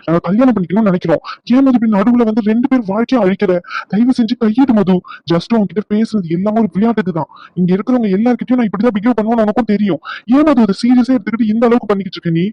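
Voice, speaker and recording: A man voicing a cartoon young husband, coaxing, pleading, quick talker, muffled dry recording. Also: high-pitched, no echo, lightly acted. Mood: frustrated.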